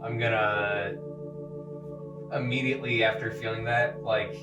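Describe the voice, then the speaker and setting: A man plays a tabletop game, describing his actions casually and haltingly with a jokey manner. His delivery is slow, in a roomy space with music underneath. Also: lowish voice, fairly even intonation, recorded from a distance, lo-fi sound.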